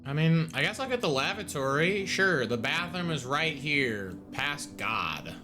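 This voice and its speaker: A man's voice: on the high side, big pitch swings, unhurried. A man doing casual, jokey gaming commentary as a let's play host, full of slang.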